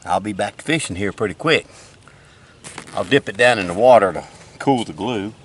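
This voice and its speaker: Older man, lowish voice, folksy fishing chat, outdoors by a lake, background noise. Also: lively intonation, moderate pace. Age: older, retired. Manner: folksy, plain-spoken. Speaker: fishing vlogger.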